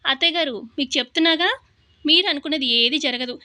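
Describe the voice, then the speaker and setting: A woman's voice: high voice, quick pace, bright, forceful tone, dry recording, clean studio sound. A woman voicing a defiant young daughter-in-law who taunts her mother-in-law. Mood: defiant taunting. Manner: taunting, challenging.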